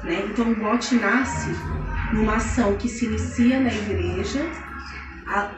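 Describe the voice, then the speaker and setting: A woman's voice: medium pitch, a little slow. A woman recounts the origins of a community project for a documentary, in an explanatory, storytelling manner. She sounds distant in a roomy space, with music under her voice. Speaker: interviewee. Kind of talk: documentary interview.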